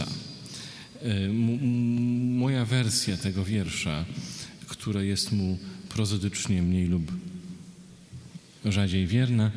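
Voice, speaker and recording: A man giving a poetry reading, slow and deliberate, with hesitant fillers between his remarks. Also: lowish voice, darkish tone. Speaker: poet reading his poems. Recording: roomy hall with long reverb.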